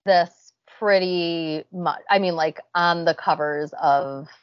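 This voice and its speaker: A woman co-hosts a casual podcast in a raspy voice that is going hoarse and breaking. Her voice sits a little low. The recording is dry and slightly dull, with little top end. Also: slow pace, no echo. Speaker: podcast co-host.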